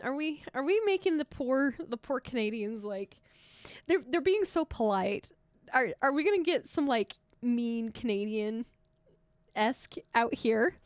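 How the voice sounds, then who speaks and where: A woman's voice: a little high, animated, unhurried, no room sound. Giggly teasing American woman streamer. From United States. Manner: giggly, teasing, laughs often. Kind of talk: casual live-stream chat with viewers.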